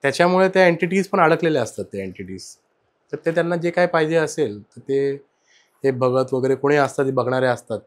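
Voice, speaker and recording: Animated male storyteller, casual chat. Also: mid-range voice, a little fast. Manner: animated, swings loud and soft while telling the story. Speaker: guest sharing personal ghost experiences.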